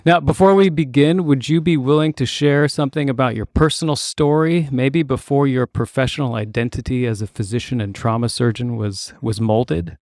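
A man's voice: mid-range voice, moderate pace, hardly any pauses, a little mellow, dry recording, studio quality. A man hosting a podcast, asking his guest questions in a polite, formal way. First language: not born in the United States. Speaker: podcast host. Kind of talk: interview hosting.

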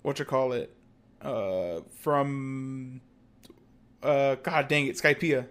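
A young man co-hosting a podcast in casual chat, often pausing to search for words. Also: mid-range voice, fairly bright tone, clean tone. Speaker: podcast co-host. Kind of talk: casual chat about an anime.

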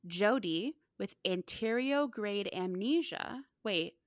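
A woman hosting a casual podcast, upbeat and lively. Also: mid-range voice, slow, no echo, studio quality. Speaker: podcast host.

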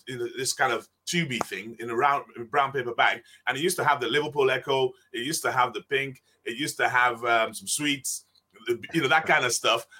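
Sharp in tone and mid-range in pitch, this English guest in his sixties chats casually on an interview podcast, spinning stories and frequently breaking into laughter.

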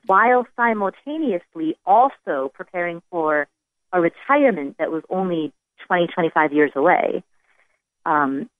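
An American woman with a lowish voice speaks as a podcast guest, a personal finance expert giving conversational, explanatory answers. She comes through a remote phone-like connection, so the sound is dry and band-limited with no echo.

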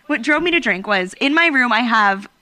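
A woman's voice: on the high side, lively intonation, normal speed, bright, forceful tone, dry recording. A young woman co-hosting a podcast, telling a story in casual chat with lots of fillers. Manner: chatty storytelling with many fillers. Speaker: podcast co-host. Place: basement at home.

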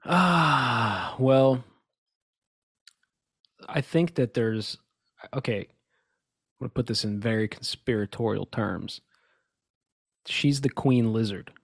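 A man's voice: medium pitch, slow pace, gravelly, pauses often, slightly rough, dry recording. Rambling man on a dry podcast mic. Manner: rambling, emphatic, with many restarts and asides. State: has the hiccups. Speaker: podcast co-host. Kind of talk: casual conspiracy chat.

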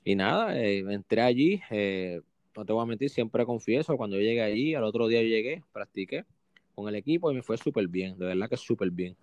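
A young man with a Puerto Rican accent telling stories casually in an interview, animated and full of restarts. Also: on the low side, fairly quick, no room sound, muffled recording. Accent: Puerto Rican Spanish. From Puerto Rico. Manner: animated, acts out quotes with restarts. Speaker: guest, basketball player.

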